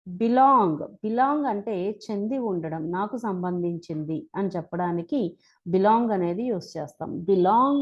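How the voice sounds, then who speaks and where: A woman with a Telugu accent teaching English verb forms, reciting each form one by one slowly and deliberately. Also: mid-range voice, mellow, muffled recording. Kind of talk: slow spoken-English lesson.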